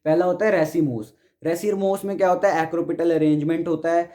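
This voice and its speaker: A man's voice: fairly high pitch, steady tone, brisk, mellow. A young man from India with an Indian accent, a biology teacher giving an exam-prep lecture. He reads textbook lines aloud and then explains them again step by step. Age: young adult.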